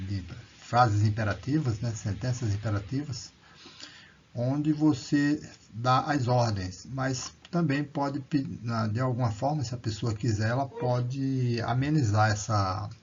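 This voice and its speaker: A man's voice: mid-range voice, warm tone, dull audio, slight background noise. A man teaching basic English, reading short English phrases aloud and then translating and explaining them. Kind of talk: slow classroom explanation.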